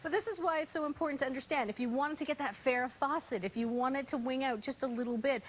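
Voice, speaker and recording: A woman with a high voice works as a home shopping host. She chats personally and talks straight to the viewer while selling. There is faint noise behind her. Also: fast talker. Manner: chatty, personal anecdotes, addresses viewers directly.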